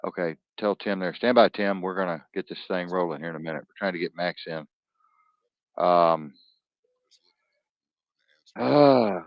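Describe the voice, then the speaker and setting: A man's voice: sits low, no echo, highs cut off. A man hosting an online talk stream, tired, rambling and profane, barking orders at his producer.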